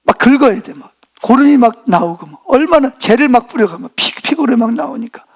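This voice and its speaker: A man's voice: extremely high pitch, expressive, fairly quick, vocal fry. A male pastor preaching a sermon, retelling a scripture story and quizzing the congregation with rhetorical questions.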